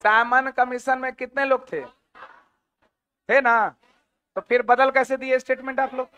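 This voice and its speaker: A man with a very high, bright voice runs an exam-prep history lesson. He drills his students with quick questions and repeats each answer several times. The sound is dry and close. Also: flat delivery, dry recording, muffled recording. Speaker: teacher.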